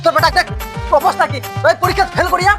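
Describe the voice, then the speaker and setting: A woman's voice: extremely high pitch, steady tone, quick pace, over music. A woman voicing a stern, bossy father with a who orders and hurries his son around. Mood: scolding.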